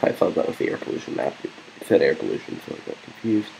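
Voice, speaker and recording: A man's voice: very deep voice, big pitch swings, fast, gravelly, a little mellow, slight background noise. A man giving casual, rambling commentary while playing a video game, often hesitating with fillers. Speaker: let's play gamer.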